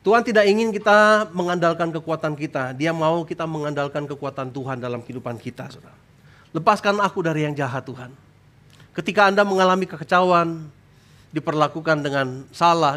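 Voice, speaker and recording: High-voiced man preaching a sermon. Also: a bit bright. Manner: emphatic preaching, often tags lines with "saudara"; voice jumps high when crying out prayers. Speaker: pastor. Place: church stage.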